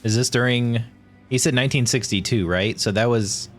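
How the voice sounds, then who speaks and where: A man's voice: mid-range voice, moderate pace. A man streaming a video game, reacting in casual commentary, joking and laughing often. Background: faint game music.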